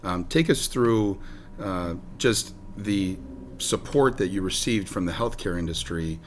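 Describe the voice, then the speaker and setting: A man hosting an interview, asking measured, thoughtful questions. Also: deep voice, a little hiss or hum. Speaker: interview host.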